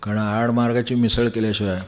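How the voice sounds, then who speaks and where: An older man from Maharashtra giving a devotional discourse in a conversational, digressive manner, pausing to chuckle as he explains with everyday examples. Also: on the low side, little pitch movement. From Maharashtra, India. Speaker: spiritual discourse speaker.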